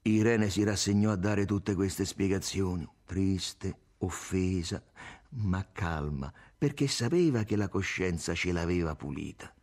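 A man narrating a literary novel aloud with an expressive reading. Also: low voice, unhurried. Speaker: audiobook narrator.

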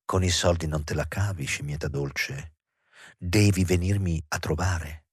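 A man voicing a coarse, mocking woman who blackmails, speaking low and hoarse. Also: normal speed, dry recording, studio quality. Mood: scornful. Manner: scornful and threatening.

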